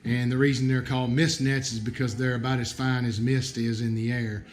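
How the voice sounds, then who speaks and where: A man's voice: mid-range voice, level tone, fairly quick, a little hiss or hum. A man with an Appalachian hillbilly accent hosting a livestream, explaining things casually in a folksy, somewhat hesitant way. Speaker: livestream host. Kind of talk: casual live explanation to viewers.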